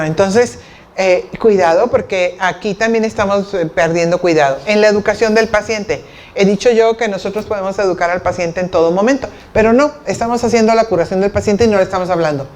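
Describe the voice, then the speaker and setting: Lively woman giving a nursing lecture. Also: mid-range voice, slight background noise. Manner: lively, teasing, acts out patient dialogues. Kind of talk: conference lecture.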